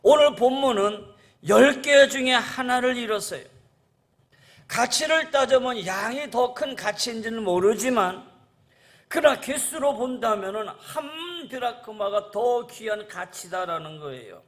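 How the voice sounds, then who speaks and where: High-voiced male pastor preaching. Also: lively intonation, a little slow. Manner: earnest preaching, repeats "라는 거예요" endings; addresses the congregation as "여러분". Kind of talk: sermon.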